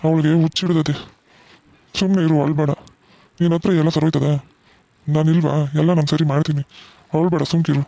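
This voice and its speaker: A man voicing a gentle middle-aged village father in a cartoon, soothing and reassuring his daughter. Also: fairly high pitch, level tone, fairly quick, creaky, long pauses, dry recording. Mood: comforting. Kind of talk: cartoon voice acting.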